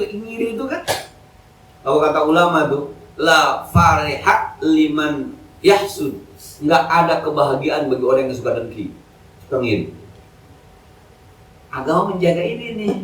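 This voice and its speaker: In a mosque hall, an ustadz delivers a casual, joking evening sermon for an Islamic study session, peppered with colloquial street slang. His medium-pitched voice is a little bright, captured by a distant mic in an echoey hall with slight background noise.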